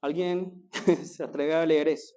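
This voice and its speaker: A man's voice: fairly high pitch, fairly even intonation, a little slow, warm tone. A man preaching a sermon as pastor, asking rhetorical questions and pressing his points with rising emphasis.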